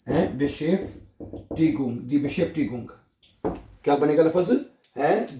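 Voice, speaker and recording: A man's voice: on the high side, warm tone, echoey room. A male language teacher giving a vocabulary lesson in Urdu, repeating each word several times as a drill.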